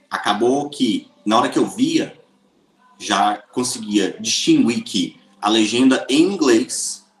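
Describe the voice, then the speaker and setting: A man with a Brazilian Portuguese accent, an interview guest telling stories casually with lively hesitations. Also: lowish voice. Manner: chatty, lively, with frequent hesitations. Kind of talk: casual storytelling. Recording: roomy echoey room.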